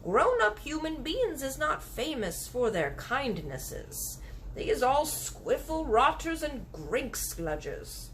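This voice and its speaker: Brief: gentle stubborn old giant, slow and lilting, high for a giant, a woman reading it aloud. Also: sing-song, slight background noise, full character voice, rough recording. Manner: slow, mangled grammar and made-up words. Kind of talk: storybook reading.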